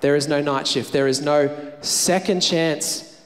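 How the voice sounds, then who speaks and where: A man with an Australian accent preaching a sermon as pastor, energetic and emphatic, repeating phrases for effect. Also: fairly high pitch, unhurried. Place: church hall. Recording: church hall reverb.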